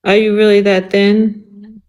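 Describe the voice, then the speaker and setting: A woman's voice: mid-range voice, little pitch movement, slow, a little mellow. Flirty woman chatting on a panel, teasing, nosy questions, casual talk. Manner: teasing, inquisitive.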